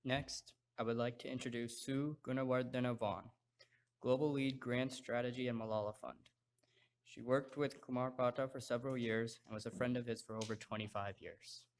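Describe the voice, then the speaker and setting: Guy emceeing a memorial, plain formal intro, average pitch voice. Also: fairly even intonation, moderate pace. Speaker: master of ceremonies.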